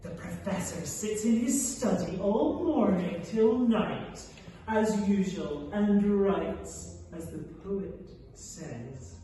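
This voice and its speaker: A man reading a stage play from a script as a bitter, idle middle-aged country gentleman, with a sardonic, theatrical delivery. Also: high-pitched, full character voice. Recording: echoey hall from far off, faint noise.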